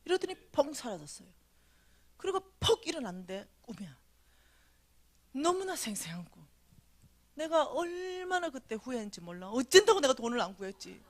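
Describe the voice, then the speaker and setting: A middle-aged woman telling a dream story in a revival sermon, animated, acting out the voices and often dropping to a whisper. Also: high voice, moderate pace, pauses often. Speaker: revival speaker.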